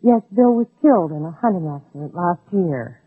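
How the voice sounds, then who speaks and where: A woman's voice: lowish voice, animated, fairly quick, slightly rough, dry recording. An actress playing a caring but firm and anxious widowed mother in an old radio drama. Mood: subdued. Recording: muffled vintage radio recording.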